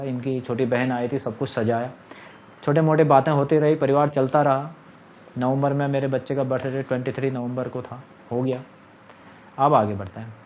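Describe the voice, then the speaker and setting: A man's voice: medium pitch, darkish tone, slight background noise. Aggrieved man talking straight to camera. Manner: aggrieved, recounting and quoting others. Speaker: vlogger. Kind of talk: casual monologue to camera.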